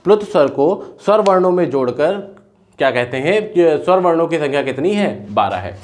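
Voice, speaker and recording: A man teaching a class, asking questions and then answering them himself, and repeating points slowly so students can write them down. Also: fairly high pitch, sing-song, a little mellow. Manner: repetitive, dictating notes slowly word by word. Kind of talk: classroom lecture.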